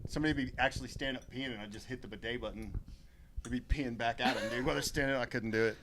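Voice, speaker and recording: A man's voice: mid-range voice, racing, fairly bright tone. A man from Texas in casual podcast chat, joking and laughing often. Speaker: podcast co-host.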